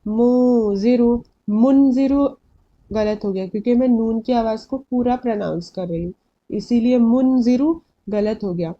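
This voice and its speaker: A woman's voice: mid-range voice, fairly quick, dark tone, lo-fi sound. A woman teaching a recitation lesson from slides, patiently repeating rules and quizzing her learners, often switching into English phrases. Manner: patient, repeats and asks questions back to learners; mixes English phrases into Hindi.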